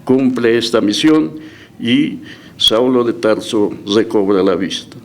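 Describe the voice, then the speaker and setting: A man's voice: mid-range voice, expressive, takes it slowly, slight background noise. A male pastor preaching a sermon, retelling scripture with emphatic rises and dramatic quoted voices, with frequent restarts. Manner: restarts and self-corrections.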